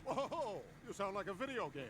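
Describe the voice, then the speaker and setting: A man's voice: high-pitched, big pitch swings, moderate pace, noisy background. A man voicing a brash, dim, cheerful cartoon suburban dad. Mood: breezy, self-satisfied.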